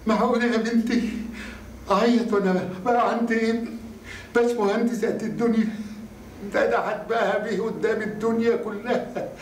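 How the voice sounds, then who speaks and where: A man's voice: sits high, fairly even intonation, fairly quick, natural voice. An actor with an Egyptian accent playing a proud, emotional elderly father in a vintage TV drama. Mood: overjoyed. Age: older. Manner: grumbling, then overjoyed and tearful. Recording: roomy, distant, faintly noisy old archive.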